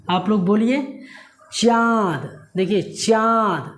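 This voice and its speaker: A male Hindi grammar teacher explaining a lesson to students. He asks questions, answers them himself, and repeats key words slowly. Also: high voice. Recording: echoey room with faint noise.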